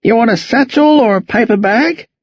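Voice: medium pitch, normal speed, no room sound, dull audio, voice pushed up, natural voice. A reader voicing a friendly, chatty older country man with a broad, slangy drawl. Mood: easygoing.

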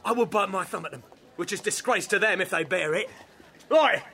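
A man's voice: high-pitched, fast, music in the background. An actor playing a swaggering, bawdy young male servant spoiling for a fight, in Shakespearean stage acting. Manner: boastful, bawdy.

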